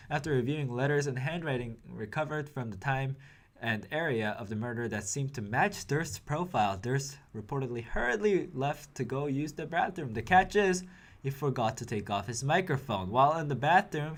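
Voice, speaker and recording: Wry young male news anchor. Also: medium pitch. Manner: editorial, wry commentary. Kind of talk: news report with personal asides.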